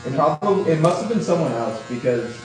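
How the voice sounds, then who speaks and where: A man's voice: fairly high pitch, animated, fairly quick, darkish tone, distant mic, soft background music. Hesitant young man, echoey from afar. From Guatemala. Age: young adult. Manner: hesitant, lots of fillers and restarts. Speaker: barbershop customer. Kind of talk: casual chat. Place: barbershop.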